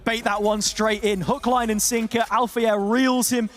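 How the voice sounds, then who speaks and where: A man casting a competitive video game match with fast, punchy play-by-play calls and colorful phrases. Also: very high voice, level tone, noisy background. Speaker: esports caster. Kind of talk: play-by-play commentary.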